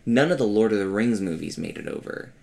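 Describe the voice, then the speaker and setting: Young guy, low gravelly voice, loose podcast chat that rambles with fillers. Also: brisk. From grew up in China. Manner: animated, rambling with many fillers and restarts. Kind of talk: casual chat.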